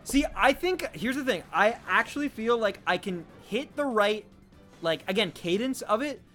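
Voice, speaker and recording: A man chatting casually on a live stream, reading out chat in an animated, talkative way. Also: high voice, moderate pace, soft background music.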